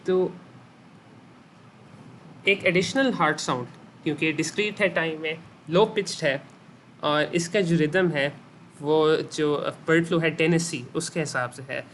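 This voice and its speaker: A man with a Pakistani Urdu accent lectures a medical class, speaking a little high and a little slowly with long pauses and a slightly bright tone. He quizzes students and repeats their answers, sprinkling English medical terms into his speech. Faint hiss or hum sits under the recording.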